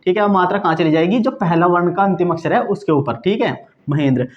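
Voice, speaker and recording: A man's voice: high voice, quick pace, dull audio. A man teaching a grammar lesson, often checking in with the class and posing questions he then answers. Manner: repeats "ठीक है दोस्तों" and asks quiz-style questions.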